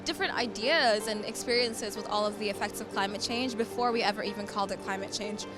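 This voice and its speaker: A young woman from Sudan who grew up in Philadelphia, a poet and climate refugee advocate, answers interview questions about her poetry. She is earnest and reflective, often repeating words as she thinks, speaking fast in a mid-range voice. Clear background music plays beneath her.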